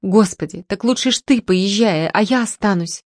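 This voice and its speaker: A woman's voice: medium pitch, normal speed, dry recording, clean studio sound, natural voice. A woman reading the lines of an anxious, loving old puppeteer who frets over his daughter. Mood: pleading. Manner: anxious, pleading murmur. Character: old male puppeteer, fretful loving father.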